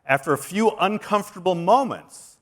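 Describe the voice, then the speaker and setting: A man presenting a keynote talk at a conference, energetic and persuasive as he walks through slides. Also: high-pitched, normal speed. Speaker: conference speaker.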